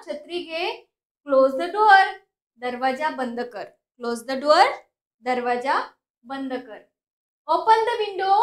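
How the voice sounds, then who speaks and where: Woman language teacher from India, unhurried delivery, slow drilled model sentences, echoey room. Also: high voice. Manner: slow, drawn-out English model sentences, then quick explanations. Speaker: spoken English teacher. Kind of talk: bilingual language lesson.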